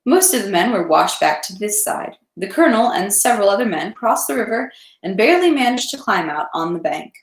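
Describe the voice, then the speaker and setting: An amateur female reader in a read-aloud series reads a classic novel at home, her medium-pitched voice echoing off a reverberant room. She's expressive and fairly quick but unpolished, stumbling and rereading lines as she narrates.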